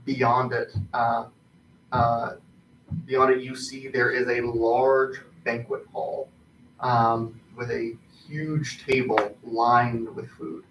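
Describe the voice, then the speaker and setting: A man improvising tabletop game narration as game master, haltingly, searching for his words. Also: medium pitch, flat delivery, lo-fi sound. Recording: distant mic, roomy echo, faint noise.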